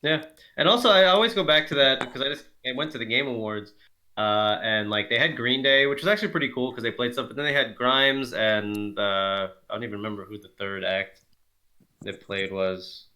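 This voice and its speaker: A man's voice: mid-range voice, a little fast, bright, forceful tone. A man giving loose, profane developer commentary on a game stream. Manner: loose and profane, lots of fillers. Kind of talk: casual dev commentary chat.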